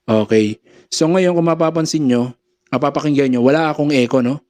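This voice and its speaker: Casually demonstrating mixer settings step by step, a tutorial host who sells audio gear works from a small home studio, his voice a little high and darkish. He drops in mic-check phrases between tweaks, speaking into a condenser microphone through the mixer.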